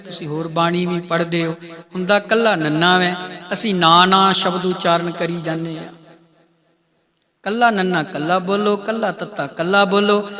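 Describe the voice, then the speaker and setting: Male Punjabi-accented preacher, high voice, drawn-out chanting delivery, crowd audible behind, sermon. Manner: drawn-out chanted phrases with sung quotes. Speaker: kirtan preacher. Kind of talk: Sikh religious discourse.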